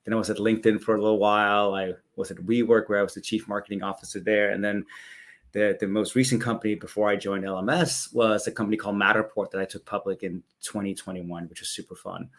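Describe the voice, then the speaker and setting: A man's voice: lowish voice, level tone, quick pace. A man in his forties from Denmark, a business executive telling his story as an interview guest with enthusiasm. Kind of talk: conversational interview answers.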